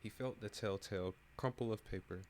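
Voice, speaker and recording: Low-voiced man reading a game on stream. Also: brisk, a little mellow, a little hiss or hum. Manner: casual, plain narration with asides. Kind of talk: reading a visual novel aloud on stream.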